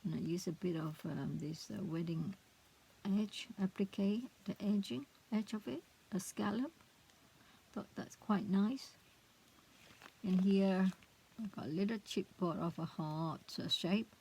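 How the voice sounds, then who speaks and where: A woman's voice: mid-range voice, a little slow, creaky, a little mellow, husky, low-quality recording. A middle-aged woman, a craft vlogger, chatting casually as she shows a handmade book, often hesitant and searching for words.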